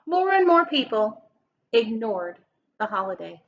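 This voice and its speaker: Reading a picture book to children like a teacher, this woman uses dramatic emphasis and asks her listeners questions. Her slightly high voice swings widely in pitch at a measured pace, and the dull recording has a little hiss or hum.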